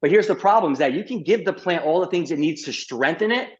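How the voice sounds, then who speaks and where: A middle-aged man, a doctor as guest, telling his story in a lively podcast interview, full of fillers and "like". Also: fairly high pitch, fast, highs cut off. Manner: animated, uses many fillers and "like".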